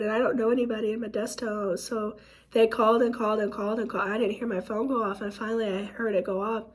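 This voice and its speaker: Hoarse woman telling a personal story. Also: a little high, a little mellow. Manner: emotional, halting, many fillers. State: hoarse from illness. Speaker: vlogger.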